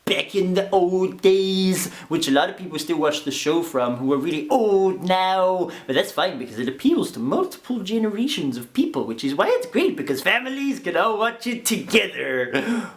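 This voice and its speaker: A man playing a manic, childlike male hobo who reviews a show and swings between shouting and mopey mumbling. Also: sits high, sing-song, normal speed. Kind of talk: comedy review in character.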